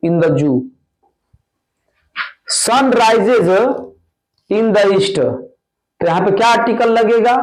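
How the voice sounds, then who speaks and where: A man teaching an exam-prep grammar lesson, going slowly and repeating each answer word by word. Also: high-pitched, a little mellow, poor audio. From India. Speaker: English teacher.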